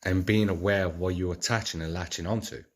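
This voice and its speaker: Deep-voiced man in a rambling monologue. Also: fairly even intonation, a little fast. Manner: rambling, earnest, full of fillers and restarts. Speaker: vlogger. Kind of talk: casual reflective monologue.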